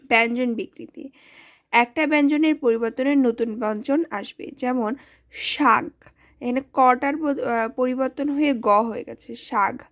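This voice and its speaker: A woman teaching a grammar lesson, spelling out sounds slowly and deliberately, with pauses and restarts. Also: sits high.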